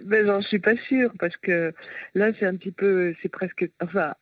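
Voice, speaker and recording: A woman linguist, a guest on a radio interview, giving thoughtful, halting explanations over the phone. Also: mid-range voice, steady tone, no echo, distant mic. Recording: tinny phone line.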